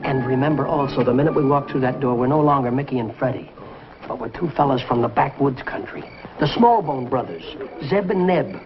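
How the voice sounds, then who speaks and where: A man's voice: mid-range voice, expressive, crowd noise, lightly acted. A young man leading a 1950s sitcom, talking eagerly and bossily. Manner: eager, fast, bossy pep talk. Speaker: sitcom lead. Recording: dull 1950s TV audio with music and audience.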